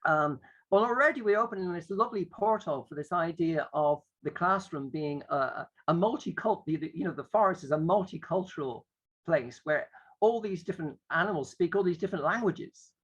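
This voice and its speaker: A man's voice: on the high side, expressive, brisk, fairly bright tone, slightly rough, lo-fi sound. A man who teaches drama, explaining a classroom exercise in a conversational, playful way and often acting out what the teacher says. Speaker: drama educator.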